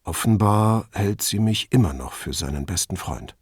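A man voicing an older male count, grieving and halting, quick to flare up. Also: on the low side, lively intonation, breathy edge, no echo, clean studio sound. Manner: halting, heavy with grief.

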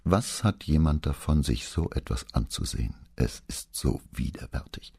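A man voicing a frank, sharp-tongued middle-aged wife in an audiobook, talking bluntly and earnestly. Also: rumbling low, expressive, normal speed, creaky, slightly rough, no room sound, studio quality, exaggerated voice.

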